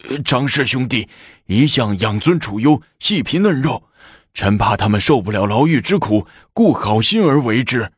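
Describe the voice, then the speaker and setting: A man's voice: medium pitch, lively intonation, moderate pace, slightly rough, no echo, clean studio sound, voice pushed up. A man doing a whining, fawning court official. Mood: groveling. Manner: groveling, whining.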